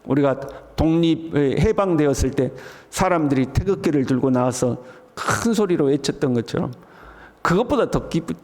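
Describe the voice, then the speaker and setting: High-voiced male pastor in reverberant church. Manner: swings to loud excited exclamations when voicing the psalm's call to praise. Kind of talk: early morning sermon. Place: church sanctuary.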